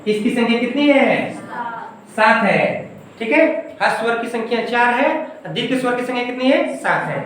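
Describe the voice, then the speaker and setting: A woman teaches grammar to a coaching class in a very echoey room, far from the mic. She asks questions and answers them herself, at a middle pitch. A faint hiss runs underneath. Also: animated, normal speed, fairly bright tone. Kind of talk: classroom lesson.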